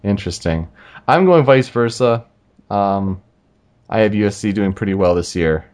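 A man co-hosting a casual sports talk show, making relaxed, talkative predictions about college football. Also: fairly low pitch, moderate pace. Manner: relaxed, talkative, spells out names. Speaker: sports podcast co-host.

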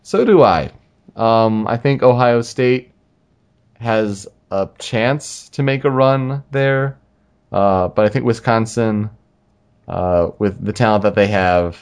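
A man co-hosting a casual sports talk show, making relaxed, talkative predictions about college football. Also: on the low side, takes it slowly, clean tone. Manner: relaxed, talkative, spells out names. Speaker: sports podcast co-host.

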